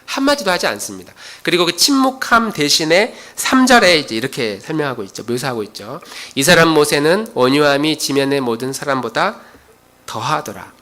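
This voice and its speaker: A man's voice: a little high, animated, fairly quick, bright, forceful tone. A middle-aged male pastor preaching a sermon, acting out quarrels in his own voice.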